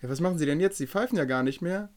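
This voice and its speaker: Joking young man, slightly higher voice. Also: expressive, rapid-fire, darkish tone. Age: 20s. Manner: joking, teasing, acts out bits. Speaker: podcast co-host. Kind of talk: casual chat.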